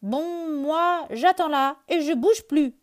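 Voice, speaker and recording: A squeaky, impatient little rabbit boy, put on by a woman reading a storybook. He pleads and exclaims loudly, his voice pitched far above a normal speaking voice and swooping all over. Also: expressive, normal speed. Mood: eager impatient. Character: small eager impatient male rabbit, whiny.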